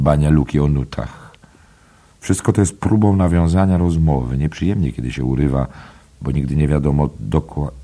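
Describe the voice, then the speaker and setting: A man with an extremely low, husky voice reads literary prose for an audiobook. His tone is dark and mellow, and his delivery is slow and measured, dropping at times to a hush. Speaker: narrator.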